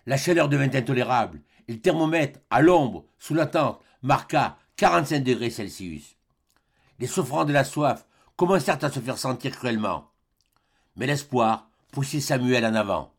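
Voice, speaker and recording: A man giving scripted audiobook narration in a measured, dramatic storytelling manner. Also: mid-range voice, expressive, gravelly, breathy edge.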